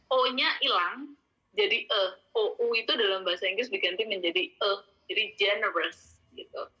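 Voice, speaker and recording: A woman giving a casual spoken vocabulary lesson, explaining each word patiently and repeating it slowly, sometimes correcting herself. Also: medium pitch, pushed and bright, slightly rough. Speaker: English vocabulary teacher. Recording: dull lo-fi sound.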